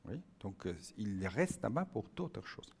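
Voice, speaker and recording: A man's voice: fairly low pitch, big pitch swings, unhurried, gravelly, darkish tone, slightly rough. A man giving a conference talk, chatty, with many asides and questions to the audience. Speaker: speaker at a conference.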